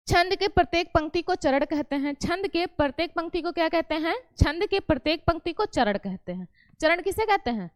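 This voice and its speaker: Woman teacher going over poetry rules, high voice, dry close sound, keeps repeating and asking the class. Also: no room sound. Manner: repeats each point and asks the class questions back; self-correcting, explains patiently. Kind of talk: classroom lesson on Hindi poetry meter.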